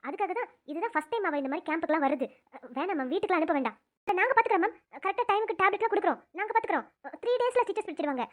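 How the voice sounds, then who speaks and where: A nurse, fussing camp teachers and schoolgirls in a cartoon drama. The voice is very high and quick, with a flustered edge. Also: animated.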